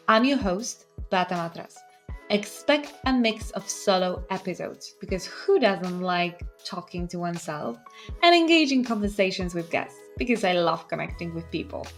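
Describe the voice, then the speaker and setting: A woman hosting a podcast, introducing the show and asking a guest questions in a friendly, chatty way with many fillers. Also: medium pitch. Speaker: podcast host. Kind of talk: podcast interviewing.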